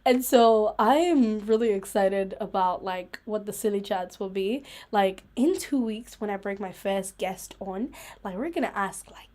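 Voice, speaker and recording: A young woman hosting a casual solo live stream chat, rambling through tangents with lots of "like", giggling and getting excitable. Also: mid-range voice, a little slow. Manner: rambling, full of "like", tangents and self-interruptions.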